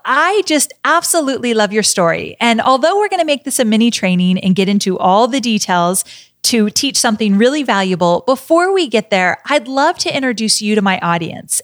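A woman's voice: a little high, no room sound, clean studio sound. A woman hosting a podcast, introducing her guest in an upbeat, enthusiastic way before interviewing him. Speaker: podcast host.

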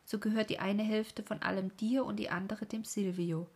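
A woman reading aloud, voicing a solemn, warm-hearted mother in a breathy voice. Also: medium pitch, fairly even intonation, moderate pace.

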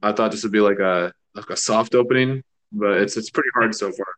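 A man's voice: fairly low pitch, fairly quick, a bit bright. A man co-hosting a podcast, chatting casually in a laid-back way with dry jokes. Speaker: podcast co-host. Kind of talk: casual chat.

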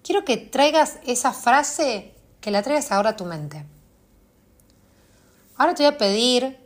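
A woman, hosting and guiding listeners through a self-help exercise, speaking straight to them and asking many questions. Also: high voice. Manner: coaching, asks many questions directly of the listener. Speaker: host.

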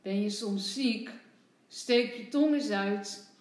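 A woman's voice: medium pitch, slow, darkish tone, reverberant, natural voice. A woman voicing a young boy playing doctor, cheerful and reassuring. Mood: playful.

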